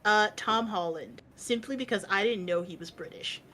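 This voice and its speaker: A woman chatting casually with a streamer friend during a game, relaxed and joking. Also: medium pitch, moderate pace.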